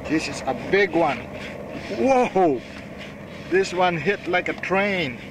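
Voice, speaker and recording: An excitable middle-aged man with a high-sitting voice films himself fishing from a kayak on open bay water, speaking slowly between excited whoops, laughter and short exclamations as he reacts live. The action camera mounted on his kayak picks up wind and water noise.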